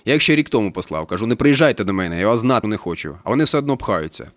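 A man reading a crude young guy in an audiobook: offhand and slangy, with brisk talk and a close, dry sound, like he's right by your ear. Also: lowish voice, expressive, dry recording, close to an everyday voice. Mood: irritated. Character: crude young man, cheerful camp worker.

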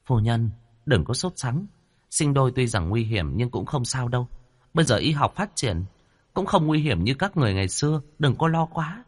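A man's voice: medium pitch, very animated, normal speed, slightly rough, pitched above the performer's own voice. A man voicing a female ghost in red in a spoken story, talking in a raised, soothing voice.

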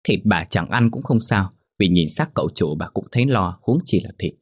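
A sharp-tongued old servant woman, blunt and scornful, scolding loudly, as a man puts her on. The voice is husky and raised higher than his usual deep tone, in a dry, close recording. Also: animated, moderate pace, no room sound.

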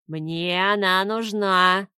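A woman voicing a scheming old male immortal sorcerer king who speaks slowly and menacingly. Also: mid-range voice, smooth, no room sound, studio quality, lightly acted. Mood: smug. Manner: slow, drawn-out, menacing.

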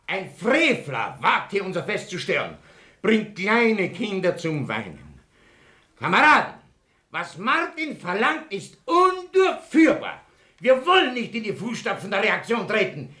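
A man's voice: high voice, wildly swooping pitch, a little slow, bright, forceful tone, echoey room, full character voice. An actor playing a pompous middle-aged town councillor who bosses his wife and makes lofty speeches. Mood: orating. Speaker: town councillor at a party rally. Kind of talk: period film acting.

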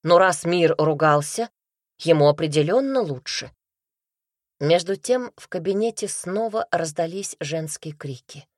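A woman narrating a first-person novel in a lively, expressive reading voice, close to the mic. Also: lowish voice, measured pace, no room sound. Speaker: audiobook narrator.

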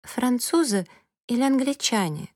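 A drowsy, otherworldly little girl who speaks softly and slowly, close to a whisper, as a woman reader puts her on. Her voice is dry and near, with no room sound. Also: on the high side, expressive, dry recording, pitched above the performer's own voice. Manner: soft, slow, drowsy, half whispering. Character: dreamy sleepy magical girl, soft-spoken.

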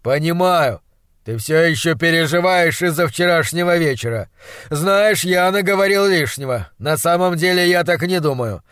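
A man voicing a brusque, excitable middle-aged scientist in an audiobook, speaking loudly and emphatically in a hoarse voice. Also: a little high, moderate pace, no room sound, studio quality, pitched above the performer's own voice. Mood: coaxing. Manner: loud, emphatic, hectoring. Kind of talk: audiobook character voice.

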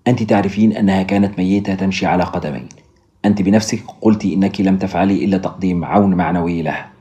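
An anxious young doctor presses with urgent questions, as a man reads his part. The voice sits low and the pace is quick. It is an audiobook reading. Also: steady tone, mellow, lightly acted.

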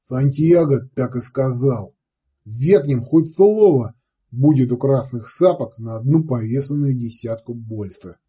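A man voicing a crude, excitable male redcap savage who talks loud and whiny in an audiobook. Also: mid-range voice, breathy edge. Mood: loud bossy. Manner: loud, hurried, whiny boasting.

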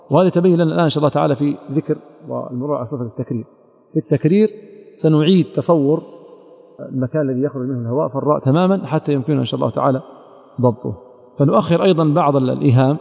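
A man's voice: a little high, gravelly, darkish tone. A man teaching as a sheikh, explaining a didactic poem in a methodical lecture and speaking directly to a student. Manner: methodical, addresses a student directly, quotes scholars. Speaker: sheikh teaching recitation rules. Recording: long hall reverb.

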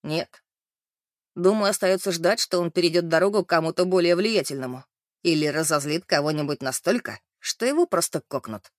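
A man voicing a world-weary, sage-like man in an audiobook, calm and philosophical. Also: fairly high pitch, brisk, no echo, clean studio sound, lightly acted. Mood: wry. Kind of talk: audiobook character reading.

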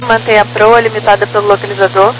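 This Brazilian-accented woman talks fast as an approach air traffic controller, her clipped radio directions delivered in a mid-range, level voice. Her Portuguese accent comes through a noisy, humming aviation channel.

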